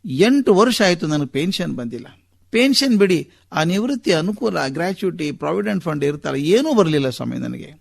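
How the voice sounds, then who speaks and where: A man's voice: fairly high pitch, big pitch swings, normal speed, vocal fry, full character voice. A man voicing a tearful elderly retired male schoolteacher who pleads for help. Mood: pleading. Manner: pleading, addresses listener as sir repeatedly.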